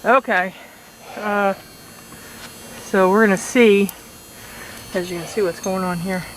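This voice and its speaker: Casting: woman, mid-pitched, casual on-site narrator at a laundromat job, noisy ambient recording. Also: fairly even intonation, slow. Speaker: host filming an installation. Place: laundromat during equipment installation.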